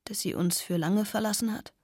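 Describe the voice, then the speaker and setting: Woman reading as a hushed, remorseful father. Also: mid-range voice, moderate pace, husky, dry recording, studio quality, lightly acted. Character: remorseful middle-aged father, shaken and pleading.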